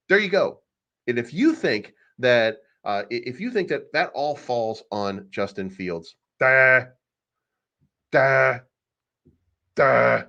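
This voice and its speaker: A man's voice: medium pitch, fairly bright tone. A man hosting a casual sports podcast, ranting emphatically and repeating his points. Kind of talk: casual fan commentary.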